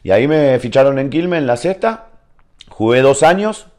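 A man's voice: mid-range voice, animated, normal speed, darkish tone. A young man with a Rioplatense Argentine accent, a football player telling stories in a casual interview at home, rambling loosely and tagging lines with "viste". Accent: Rioplatense Argentine Spanish. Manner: loose, rambling storytelling with many "viste" tags. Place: his home.

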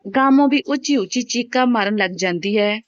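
Woman storyteller, steady scripted reading, dry dull sound. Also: on the high side, normal speed, no echo. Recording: dull, dry home recording.

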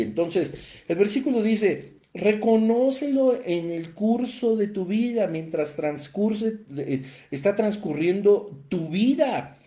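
A man's voice: high-pitched, dark tone, roomy sound. A man preaching a Bible teaching, emphatic and repeating phrases for stress. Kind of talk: sermon-style Bible teaching.

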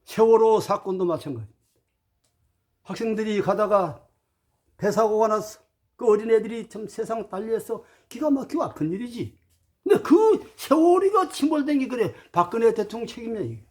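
A man delivering a preachy monologue to his viewers in a high voice that leaps up and down. He lectures with rhetorical questions and moves between polite formal address and blunt, plain talk. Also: lively intonation, normal speed, darkish tone. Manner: emphatic, swings between formal address and blunt casual speech. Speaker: spiritual teacher addressing viewers.

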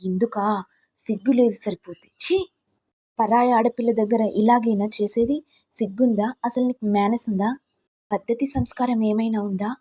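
An indignant young wife who lashes out with rapid rebukes, as a woman reads her. The voice sits high, and it stays husky and mellow. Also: steady tone. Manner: sharp scolding, rapid rebukes.

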